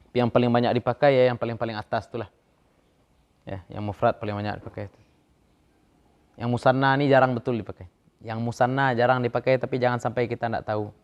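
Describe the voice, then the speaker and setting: A man's voice: medium pitch, steady tone, brisk, long pauses, lo-fi sound. A man teaching an Arabic grammar class, chanting verb conjugations in a rhythm and joking about regional dialects. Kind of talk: classroom lecture.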